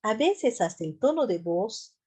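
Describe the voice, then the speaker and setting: A woman from the central highlands of Peru with an accent from that region, giving a conversational lecture as a health care trainer, with fillers and rhetorical questions. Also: sing-song, unhurried, darkish tone, breathy edge. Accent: Peruvian central highlands Spanish. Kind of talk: classroom lecture.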